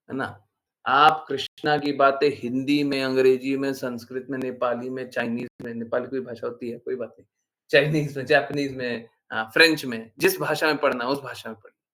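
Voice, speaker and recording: Scolding through rhetorical questions, a man speaks with animation in an informal devotional session as a spiritual teacher. His voice falls in the mid range.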